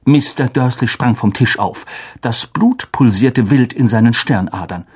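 A man reading a story aloud as an expressive audiobook narrator. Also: medium pitch, a little slow, breathy edge. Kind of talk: scripted narration.

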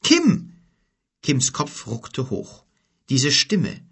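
A man reading a fantasy novel aloud as audiobook narrator, with steady, even storytelling. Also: mid-range voice, normal speed, husky.

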